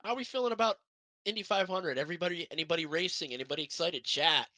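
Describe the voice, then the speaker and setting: A young man talks through a casual racing podcast segment in a rambling, upbeat way. His voice is bright and forward. The sound is dry and close, with no room around it. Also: a little high, racing, no room sound. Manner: rambling, upbeat, self-deprecating. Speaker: sim racing broadcast co-host.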